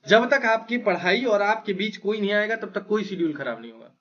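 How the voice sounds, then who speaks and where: A man's voice: high voice, animated, a little fast, fairly bright tone, highs cut off. A man giving blunt, emphatic, brotherly study advice to exam students as their mentor. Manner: blunt, emphatic, brotherly, with frequent "right?" check-ins. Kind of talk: motivational advice talk.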